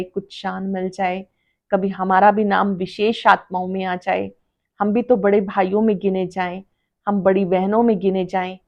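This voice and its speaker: A woman gives a devotional sermon at a steady, middle pitch. She stresses her points, says key lines twice and puts rhetorical questions to her listeners. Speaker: spiritual teacher reading a class.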